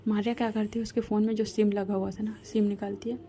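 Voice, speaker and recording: A woman storyteller, telling a love story casually in a soft, half-whispered voice with chatty asides. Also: mid-range voice, level tone, quick pace, slight background noise.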